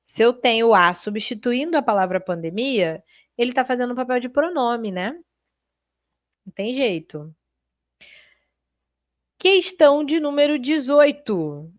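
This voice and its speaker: A woman teaching Portuguese in a live online exam-prep class, chatty and lively, talking straight to her students and checking in often. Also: on the high side, no echo, studio quality.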